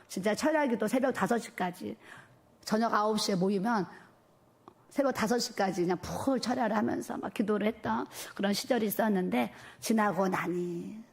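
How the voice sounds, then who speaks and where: A middle-aged woman pastor preaching a sermon in a church, emphatic and animated, with many repeated fillers. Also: medium pitch, normal speed, gravelly. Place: church sanctuary.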